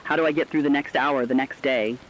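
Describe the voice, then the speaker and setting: A man plays a concerned, empathetic radio news co-anchor who dwells on human suffering, delivering scripted commentary in an earnest, sombre, reflective way with a troubled mood. His natural, mid-range voice is steady and a little fast, on poor audio with slight background noise.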